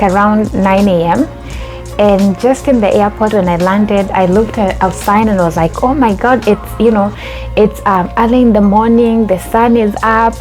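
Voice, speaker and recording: A young adult Kenyan woman with a mid-range, darkish voice hosts her own YouTube vlog, telling a story in a chatty manner with lots of fillers and restarts.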